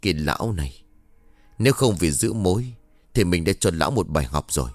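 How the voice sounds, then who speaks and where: A man's voice: deep voice, expressive, fast, no room sound, faint music behind. A man playing a stern, scolding mistress. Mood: weary. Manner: scolding, curt. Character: stern middle-aged woman, sharp bossy mistress.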